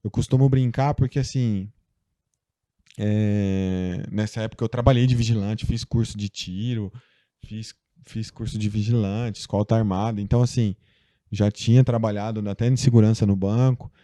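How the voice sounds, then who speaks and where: Brazilian man telling a story, dark tone. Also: fairly low pitch, fairly even intonation, moderate pace, dry recording. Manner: storytelling, loose and chatty with many fillers. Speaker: interview guest. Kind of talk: casual conversation.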